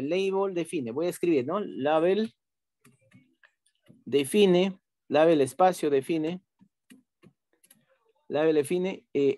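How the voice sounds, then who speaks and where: Patient male teacher talking through software steps. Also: high voice, dry recording, clean studio sound. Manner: patient, repeats steps, frequent tag questions. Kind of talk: online class software tutorial.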